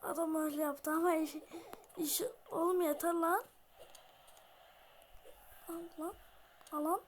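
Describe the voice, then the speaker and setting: A woman hosting her gaming channel, giving excitable running commentary on her own play and blurting exclamations and slang as she goes. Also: very high voice, measured pace, a little hiss or hum. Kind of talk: live gameplay commentary.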